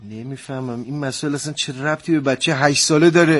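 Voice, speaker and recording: A man's voice: fairly high pitch, fairly even intonation, close to an everyday voice. A man playing a flustered, snappy father. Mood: tense. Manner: exasperated, quick to snap. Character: harried middle-aged father trading online, easily flustered. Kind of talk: scripted family drama.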